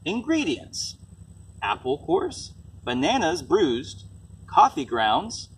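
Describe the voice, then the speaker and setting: Taking it slowly, a man with a fairly high voice and wildly swooping pitch reads a picture book aloud. He chats casually with a small child, explaining composting simply and asking questions like a parent. A far-off mic captures faint background noise.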